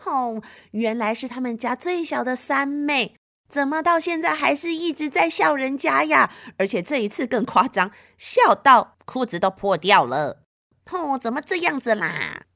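A woman reading a picture book to children in an animated manner, often addressing them directly. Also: high voice, moderate pace, gravelly. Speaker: storyteller.

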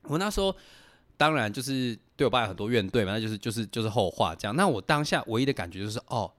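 A young man telling personal stories on a casual podcast, animated and laughing as he talks. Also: mid-range voice, fast talker. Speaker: podcast host. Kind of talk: casual storytelling chat.

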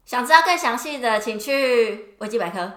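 A woman's voice: on the high side, animated, normal speed, echoey room, very noisy. A woman co-host, tired after a night shift, chatting casually and teasing with dry quips. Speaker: co-host, nurse. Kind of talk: casual chat.

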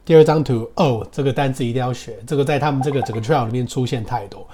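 A man with a Taiwanese Mandarin accent teaching English casually, drilling words slowly and laughing as he goes. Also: mid-range voice, noisy background. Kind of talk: casual podcast English lesson. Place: hot room with motorbike traffic outside.

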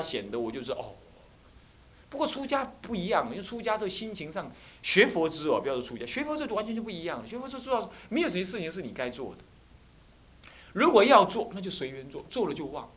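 A man, a Buddhist abbot giving a dharma class to monastic students and telling personal stories in an animated way. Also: high voice, quick pace. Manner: animated storyteller who acts out dialogue.

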